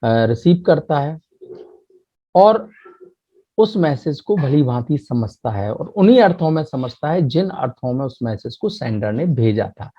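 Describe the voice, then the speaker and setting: A man teaching a commerce lecture in Hindi, explaining step by step and reading English definitions slowly. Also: medium pitch, big pitch swings, husky. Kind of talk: classroom lecture. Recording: muffled lo-fi mic.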